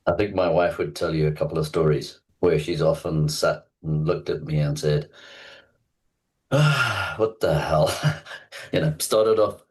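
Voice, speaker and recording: Very deep-voiced South African man. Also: poor audio. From Zambia and Zimbabwe. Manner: reflective, halting with many fillers and restarts. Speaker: executive coach, podcast guest. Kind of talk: conversational interview.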